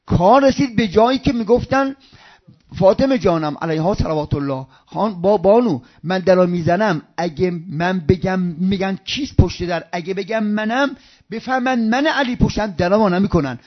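A man preaching a religious sermon with storytelling. He swings from loud outbursts to hushed near-whispers and chants some phrases in a sing-song cadence. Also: high-pitched. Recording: dull lo-fi recording.

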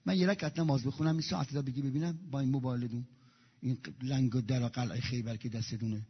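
A man preaching a sermon, moving between quiet recitation of prayers and loud, fervent exhortation. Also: fairly even intonation, slightly rough. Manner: swings from hushed recitation to loud, high-pitched exhortation. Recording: dull echoey hall recording.

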